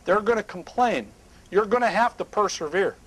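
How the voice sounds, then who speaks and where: A middle-aged man speaking at a live seminar on a small indoor stage, emphatic and animated, sometimes dropping to hushed asides. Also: high-pitched, moderate pace, breathy edge, poor audio.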